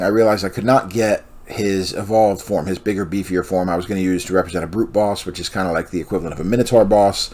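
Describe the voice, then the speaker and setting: A man hosting a casual walkthrough of building a tabletop army list, rambling with many pauses and self-corrections, and sounding tired. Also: low voice, a little mellow. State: yawning, tired. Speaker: host.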